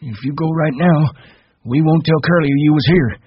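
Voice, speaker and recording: A man's voice: on the high side, moderate pace, breathy edge, no echo, voice pushed up. A man voicing a protective, earnest old ranch hand, in an audiobook. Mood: urging. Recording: dull, muffled lo-fi audio.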